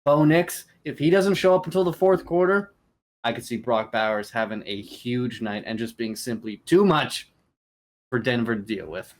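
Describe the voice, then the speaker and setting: A man co-hosting a sports podcast, excitable and laughing often as he hypes his picks in casual chat. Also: mid-range voice, normal speed. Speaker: podcast co-host.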